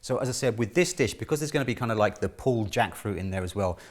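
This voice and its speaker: A man's voice: on the low side, expressive, quick pace. A middle-aged man giving a casual cooking demonstration, chatty and instructional, often checking in with the listener. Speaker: chef presenting a cooking lesson. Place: indoor kitchen studio.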